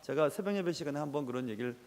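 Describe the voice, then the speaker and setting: A man preaching a sermon as a pastor, telling stories with lively swings and dropping to a whisper at times. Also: on the high side, very fast, long reverb tail.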